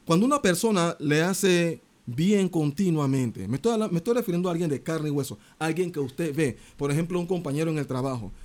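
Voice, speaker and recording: A man's voice: on the high side, fairly quick, hardly any pauses. A man preaching a sermon, retelling a parable and asking the listener direct questions. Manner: animated, expressive preaching, retelling a parable with quoted voices.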